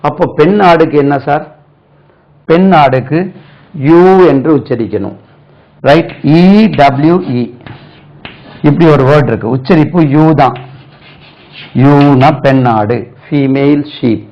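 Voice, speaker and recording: A man's voice: on the high side, muffled recording. A man teaching spoken English in Tamil, who spells words out letter by letter, repeats them and often checks with "right?". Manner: drills example sentences slowly, asks "right?" often.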